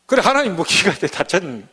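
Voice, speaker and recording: A man delivers a church sermon, pitched a little high and full of animated rises and falls. He preaches in an easy, conversational way and keeps slipping into acted-out bits of everyday talk. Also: breathy edge. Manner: lively, conversational preaching, acting out little scenes. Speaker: pastor.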